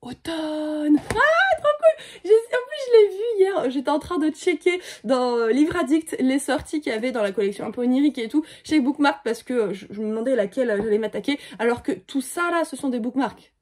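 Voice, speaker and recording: A young woman with a high, bright-toned voice talks casually to her phone camera at home, chatty and playful. Her book vlog chatter tips into excited squeals. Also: fast talker, few pauses. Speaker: book vlogger. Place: at home, indoors.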